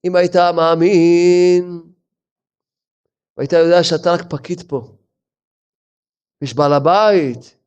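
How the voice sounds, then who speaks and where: A man, a rabbi, giving a sermon as a lively story full of rhetorical questions. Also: sits high, pauses often, smooth, lo-fi sound.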